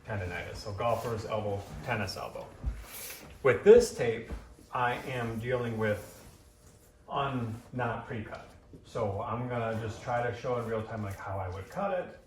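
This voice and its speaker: A massage therapist and instructor leads an informal hands-on demonstration, thinking aloud and coaching with short cues. His voice sits lowish, carrying a slight hiss or hum. The distant microphone picks him up in an echoey room.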